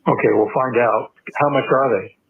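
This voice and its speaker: Husky man heard through a tinny prison phone line, questioning and plain-spoken. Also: medium pitch, fairly even intonation, moderate pace. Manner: questioning, plain-spoken, stumbles and repeats words. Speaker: parent on a call with his jailed son.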